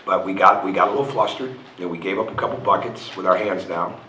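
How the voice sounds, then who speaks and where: A man's voice: low voice, fast, pushed and bright, a little hiss or hum. A middle-aged man, a basketball coach, answering reporters frankly at a post-game press conference, often repeating and restarting his phrases. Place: press room in front of a logo backdrop. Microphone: table mic on a stand. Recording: roomy, picked up from a distance.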